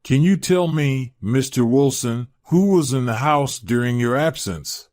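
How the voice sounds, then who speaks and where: A man voicing a sharp-eyed male detective who asks measured, careful questions in a storybook reading. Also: medium pitch, expressive, voice pushed up, lightly acted. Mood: inquiring.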